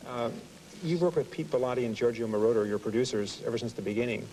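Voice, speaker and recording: A man interviewing someone informally, halting and rephrasing his questions as he goes. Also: medium pitch, fairly even intonation, dark tone, a little hiss or hum, rough recording.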